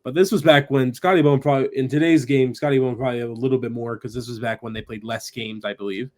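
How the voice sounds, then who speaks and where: A man's voice: medium pitch, steady tone, fast talker, a little mellow. A man co-hosting a hockey podcast, chatting casually and reeling off stats and trivia. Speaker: podcast co-host.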